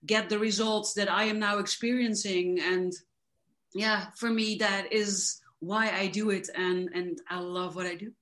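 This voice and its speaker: A woman's voice: medium pitch, fairly even intonation, a little slow, a bit bright. Woman coach explaining with enthusiasm. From the Netherlands. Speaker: guest, coach. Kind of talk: casual interview.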